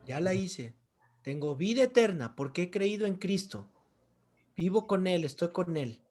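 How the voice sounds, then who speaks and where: A man's voice: high-pitched, lively intonation, measured pace, a little mellow. A middle-aged man teaching a theology class, asking his students rhetorical questions and answering them himself. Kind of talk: Bible class lecture.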